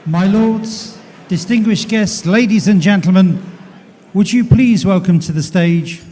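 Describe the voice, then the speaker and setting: A man announcing formally as toastmaster, loud and ceremonial. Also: high-pitched, a little slow. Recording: distant in a reverberant hall.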